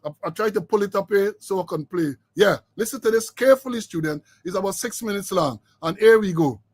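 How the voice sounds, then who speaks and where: A man's voice: high voice, fairly quick, darkish tone, slightly rough, no echo. An older man hosting a talk show, emphatic and given to repeating his words. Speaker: host. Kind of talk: casual chat.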